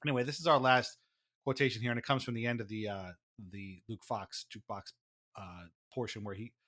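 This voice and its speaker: This co-host, a man with a lowish, fairly bright voice, keeps his intonation fairly even and his pace brisk while trading casual, wry hockey banter and mock-dramatic readings.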